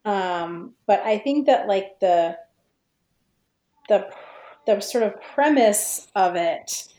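Her medium-pitched voice has a dark tone, lively intonation and a slow pace as she muses casually on her fan fiction during a podcast. She sounds hesitant, hunting for words and leaning on "like" often, in an echoey, roomy recording.

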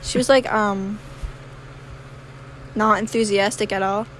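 A woman's voice: mid-range voice, steady tone, fairly bright tone. Laid-back teenage girl, noisy line. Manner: laid-back, quick giggles and short replies. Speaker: podcast host. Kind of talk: casual chat.

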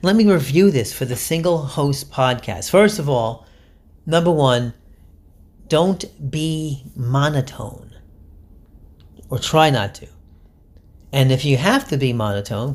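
Chatty candid male podcast host. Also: medium pitch. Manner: chatty, candid, animated, self-deprecating. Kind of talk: solo podcast advice talk.

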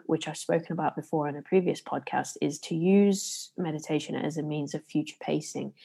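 A woman with an East Midlands accent from Leicester talks as a podcast host in an easy, explanatory way. Her voice is low and husky, with a gravelly creak. She takes some care to pronounce words clearly while keeping it conversational. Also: warm tone. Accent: English East Midlands, Leicester. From Leicester area, England. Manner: speaking carefully to be understood. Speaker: podcast host and meditation trainer. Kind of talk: casual explanatory podcast talk.

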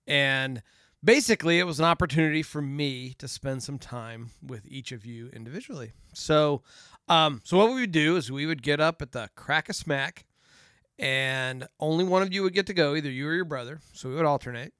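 A man's voice: on the high side, a little fast, clean tone, no room sound, clean studio sound. A middle-aged man, a father chatting casually with his daughter, telling stories and teasing her. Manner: joking, teasing, relaxed storytelling. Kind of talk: casual family chat.

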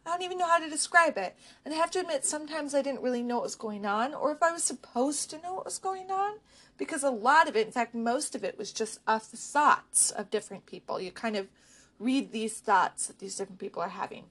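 A woman with a somewhat high voice talks casually about books as a vlogger. She hesitates often and fills the gaps with ums before picking her thread back up. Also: lively intonation, brisk, a bit bright. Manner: hesitant, with frequent ums and restarts. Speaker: book vlogger. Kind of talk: casual book chat.

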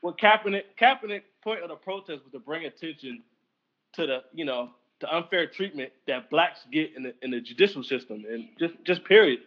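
Fast-talking man, blunt and heated. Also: on the high side, expressive, highs cut off. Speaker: podcast co-host. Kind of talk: casual chat.

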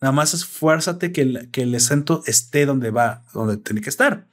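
A man's voice: mid-range voice, animated, moderate pace. A young man with a Mexican accent chatting casually and explaining at length, with salty slang. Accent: Mexican Spanish. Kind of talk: casual chat.

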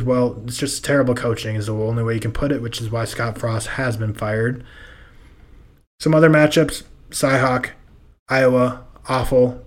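A young man hosting a casual sports podcast, hoarse and losing his voice, rambling and loose in his talk. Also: mid-range voice. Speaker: podcast host.

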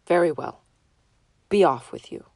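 A great ugly male troll from a storybook bellows his threats, voiced by a woman reading aloud. The roaring is slow, low and heavy. The sound is dry and close. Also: dry recording. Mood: dismissive. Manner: roaring, menacing.

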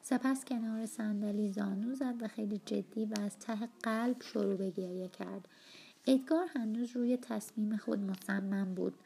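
A woman narrating an audiobook of a novel in a calm, steady storytelling manner. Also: medium pitch, slightly rough.

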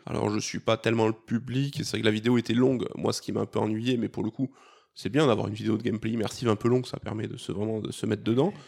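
A man co-hosts a gaming podcast, chatting about news in a loose, easygoing way. He talks fast. His voice has a gravelly, fry-heavy edge. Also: lowish voice. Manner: quick, relaxed, conversational. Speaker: podcast co-host. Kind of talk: casual gaming podcast chat.

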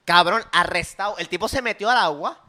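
A young Puerto Rican man in an animated casual chat, chiming in often and swearing freely. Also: sits high, a little fast. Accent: Puerto Rican Spanish.

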